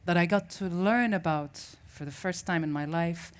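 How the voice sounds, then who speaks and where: Her voice on the low side and her speed normal, a native Arabic speaker from Syria reflects on a personal story before a festival audience, often breaking off and restarting as she gropes for words.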